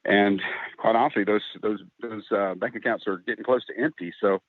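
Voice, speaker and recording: A man's voice: on the low side, steady tone, fairly quick, no room sound. A man speaking as a guest musician in a casual podcast interview, talking earnestly and emotionally, often laughing and restarting his sentences. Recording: tinny phone-like line, dry.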